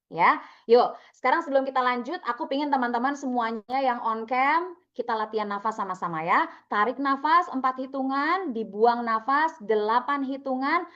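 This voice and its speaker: Upbeat young woman trainer, higher voice, chatty coaxing tone, slightly dull video-call audio. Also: fairly bright tone. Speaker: online trainer.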